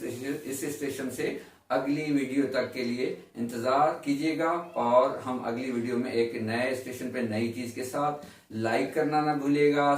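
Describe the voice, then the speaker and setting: A man teaching beginners in a patient classroom voice, slightly higher than most men. He keeps asking his learners questions and repeating the key points. He is recorded from a distance in a strongly echoing room, with faint room noise behind him. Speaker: English teacher. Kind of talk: classroom lesson explanation.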